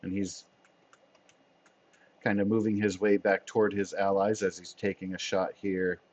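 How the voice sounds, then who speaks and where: A man narrating as game master of a tabletop role-playing game, playful and quick to laugh. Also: low voice, level tone, darkish tone. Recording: dull lo-fi sound.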